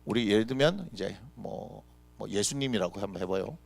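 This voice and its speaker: A male pastor preaching a lively, conversational sermon full of rhetorical questions. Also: on the low side, normal speed, creaky. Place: church.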